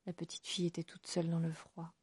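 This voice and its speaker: Mellow, husky woman reading a fairy tale. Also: lowish voice, fast talker, no echo, studio quality. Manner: expressive storybook narration. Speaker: storyteller. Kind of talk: fairy tale read aloud.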